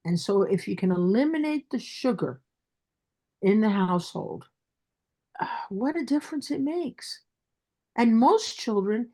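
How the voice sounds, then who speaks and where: A woman with a Brooklyn accent talks as an interview guest. She speaks emphatically, often repeating words to drive her point home. Her voice sits at an average pitch for a woman. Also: darkish tone. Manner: emphatic, repeats herself for stress. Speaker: dentist guest.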